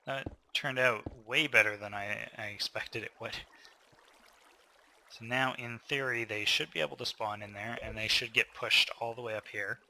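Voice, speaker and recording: A man's voice: mid-range voice, steady tone, normal speed, vocal fry, sharp tone, a little hiss or hum. A man casually narrating his gameplay, thinking aloud with fillers, a little tired. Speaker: gameplay commentator.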